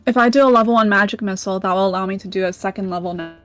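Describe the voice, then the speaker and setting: A woman's voice: mid-range voice, very fast, soft background music. Woman on a choppy call, words cutting off. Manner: thinks aloud while planning her turn. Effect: choppy connection dropping out, cutting off word endings. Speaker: player. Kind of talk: casual tabletop game play. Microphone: online voice call.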